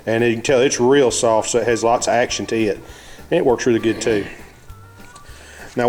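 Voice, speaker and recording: A man from Arkansas, United States, hosts a fishing vlog, speaking with a Southern Arkansas accent at medium pitch. His how-to demonstration is casual, folksy, and plain-spoken.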